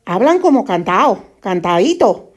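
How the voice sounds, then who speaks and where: A woman's voice: sits high, expressive, measured pace, a little mellow, voice pushed up. A woman reading a play scene aloud, voicing an exasperated Spanish exile who mocks and complains about Mexican speech. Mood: indignant mockery. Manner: mocking, indignant, exclamatory.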